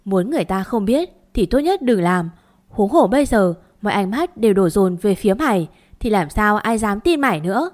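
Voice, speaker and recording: A woman's voice: mid-range voice, big pitch swings, moderate pace, a little mellow, close to an everyday voice. Woman playing a stern sister-in-law, storybook, raised voice, accusing. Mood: reproachful. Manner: cold, tearful reproach.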